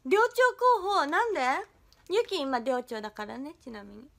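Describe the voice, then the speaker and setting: A woman's voice: sits high, very animated, moderate pace, vocal fry. A young woman hosting a livestream, chatting playfully and bashfully with viewers and giggling as she reads their comments. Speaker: idol livestream host.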